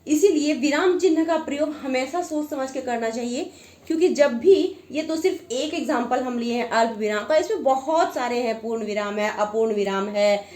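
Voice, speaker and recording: A woman teaching a grammar lesson with a high, clear voice. She explains patiently and repeats each point. The room around her rings with echo. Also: a little mellow. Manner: explains slowly with many repetitions.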